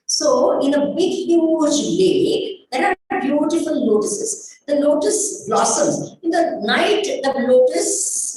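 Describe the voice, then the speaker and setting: High-voiced woman teaching, echoey room. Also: darkish tone. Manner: emphatic, asks rhetorical questions and answers them. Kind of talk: spiritual discourse with chanted Sanskrit verses. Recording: echoey room, distant mic, faint noise.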